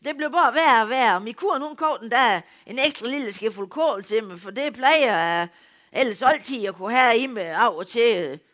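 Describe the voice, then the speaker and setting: A man tells a comic first-person monologue as a rustic, bumbling countryman. His voice is high and very bright. He talks loudly and in a plain, homely way, as if he were hard of hearing. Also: animated. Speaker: comic storyteller.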